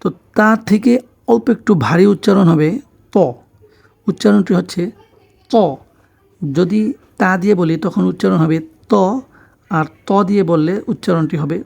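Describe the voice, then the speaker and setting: A man's voice: high-pitched, fast talker, gravelly, darkish tone. A man teaching Arabic letter pronunciation in Bengali, patiently repeating each sound several times and explaining where the tongue and lips go. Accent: Bangladeshi Bengali. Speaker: Quran teacher. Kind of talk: pronunciation lesson.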